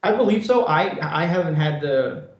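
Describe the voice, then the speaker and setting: A man presents an informal screen-share demo in a conversational way. His voice sits a little high for a man, and it comes through slightly dull, with a clearly echoey room around it. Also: expressive, normal speed. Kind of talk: informal screen-share demonstration for a work group. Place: online meeting recording from an echoey room. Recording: echoey room, dull online meeting audio.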